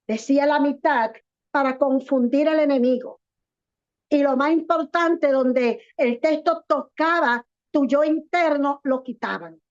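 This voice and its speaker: A woman pastor preaching a sermon in an earnest way, with rhetorical questions and slow, stressed words for emphasis. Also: sits high. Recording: dull lo-fi recording.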